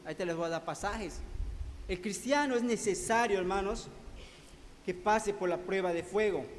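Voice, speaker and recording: A man preaching a sermon to his congregation in a church hall, calling them brothers and asking rhetorical questions. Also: high-pitched. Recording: long hall reverb, faint background noise.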